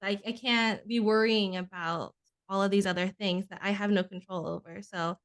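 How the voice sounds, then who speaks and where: A woman's voice: medium pitch, steady tone, normal speed. A woman hosting a podcast, asking questions in a casual way with "like" and "um" fillers. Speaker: podcast host. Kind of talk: casual interview chat.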